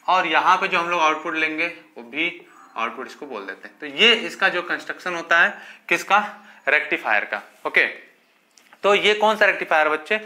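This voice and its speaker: A man's voice: a little high, bright, forceful tone. A male physics teacher giving a classroom lecture, calling his students children and asking questions he then answers himself, with frequent repeated okays. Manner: addresses students as children, frequent fillers like okay.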